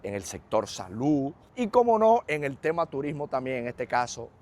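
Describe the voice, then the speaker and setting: A man's voice: medium pitch, very animated, moderate pace, darkish tone. A man, a vlog host, talking thoughtfully to camera. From Dominican Republic. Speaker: vlogger host. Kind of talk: reflective talk to camera.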